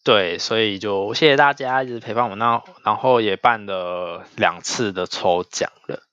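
A man co-hosts a relaxed podcast, spinning anecdotes and breaking into laughter. His voice sits low yet sounds bright and pushed forward. It is recorded close and dry on a slightly dull mic. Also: normal speed, smooth, dry recording. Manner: chatty storyteller, laughs often. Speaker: podcast co-host. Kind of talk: casual chat.

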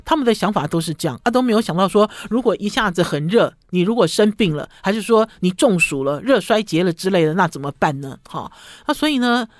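A woman's voice: medium pitch, lively intonation, fast talker, dry recording, clean studio sound. A woman hosting a radio food show, talking casually and tagging her phrases with a short "ha". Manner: chatty, ends phrases with a short "ha".

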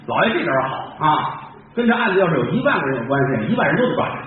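A man performing a traditional story with lively, wry, conversational narration on stage. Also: on the high side, racing, a little hiss or hum. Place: stage in a theater. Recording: echoey, distant, dull live stage recording.

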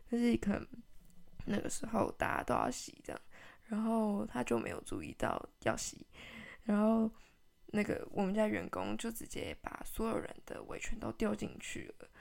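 A young woman hosts a casual podcast and tells a family story. She rambles with many fillers and giggly asides, and her pitch moves in a lively way. Her voice has a gravelly fry. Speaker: podcast host. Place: home.

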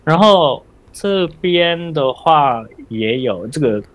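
A man's voice: a little high, expressive, slow. A man from Japan with a Japanese accent hosting a casual podcast in his second language, often searching for words. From Osaka, Japan. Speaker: podcast host.

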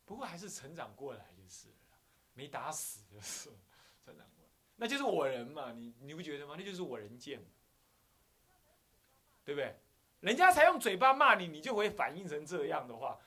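A man's voice: a little high, sharp tone. A man with a Taiwanese Mandarin accent, a Buddhist abbot lecturing who acts out little scenes and chuckles often.

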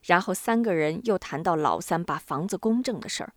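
A woman narrating a novel aloud, expressive and acting out the dialogue, close to the mic. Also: fairly low pitch, a little fast, no echo. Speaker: audiobook narrator. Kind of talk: novel reading.

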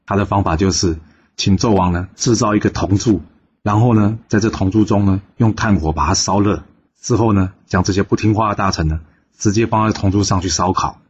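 A man with a very low voice tells an old tale aloud and shifts his voice for each character. The recording sounds dull and lo-fi, with a faint hiss underneath. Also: fairly quick. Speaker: storyteller. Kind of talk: storytelling narration with voiced dialogue.

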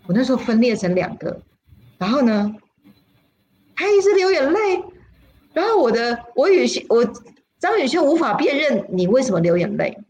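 A woman, a spiritual teacher telling a personal story on a livestream in an animated, dramatic way, her voice leaping up at exciting moments. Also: moderate pace, pauses often. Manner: animated, dramatic storyteller with sudden pitch leaps.

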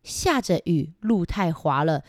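A woman reading a picture book aloud to young children, animated and asking them questions. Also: low-pitched, measured pace, very noisy. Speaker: storyteller.

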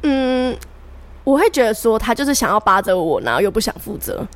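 A woman's voice: on the high side, big pitch swings, fairly quick. A young woman co-hosting a podcast, telling a personal story in casual chat and acting out the voices of the people in it. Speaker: podcast co-host. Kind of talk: casual chat between friends.

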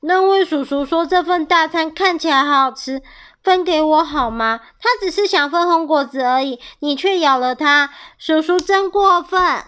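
A woman's voice: sits high, moderate pace, fairly bright tone, voice pushed up. A woman voicing two little triceratops girls, bickering sisters who talk in a childlike way, in a storybook reading. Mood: reproachful.

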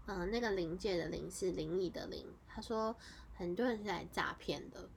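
A woman, hosting a podcast and casually telling a story in a chatty, animated way, running her clauses together with fillers. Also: moderate pace, creaky, a little hiss or hum. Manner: animated, jumps into high excited exclamations. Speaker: podcast host.

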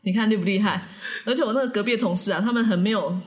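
A woman with a Taiwanese Mandarin accent co-hosting a podcast, telling stories in an animated, laughing way. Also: medium pitch, very fast. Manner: animated, laughs often, says "我跟你讲" a lot. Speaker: podcast co-host. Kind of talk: casual chat storytelling.

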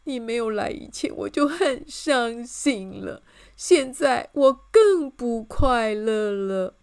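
A tearful king wails in a shrill, sobbing voice, as a woman storyteller puts him on. His voice leaps way up high and swings wildly between shock and crying. It is a children's storybook reading. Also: lively intonation, slow, creaky, darkish tone, smooth, heavily acted. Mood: wailing. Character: weepy, easily shocked male king.

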